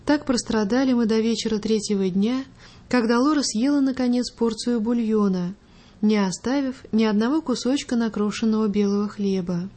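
A woman radio host reading a story aloud in a calm, measured literary manner. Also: a little high.

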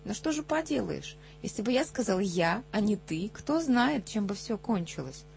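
Animated woman reading a children's story. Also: mid-range voice, normal speed, gravelly, slight background noise. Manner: animated, acts out the dialogue.

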